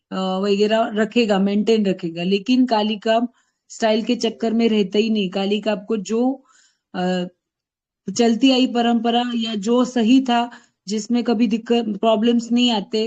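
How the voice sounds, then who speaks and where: Mellow-voiced woman explaining a medical case. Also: mid-range voice, highs cut off. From Maharashtra, India. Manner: thoughtful, explanatory, self-correcting. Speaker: homeopathic doctor presenting a case. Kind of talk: online case discussion.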